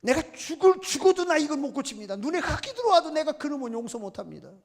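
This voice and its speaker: A man's voice: on the high side, brisk, slightly rough, long reverb tail, pitched below the performer's own voice. A male preacher voicing a stubborn, angry prophet who defiantly refuses to change. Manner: defiant, obstinate.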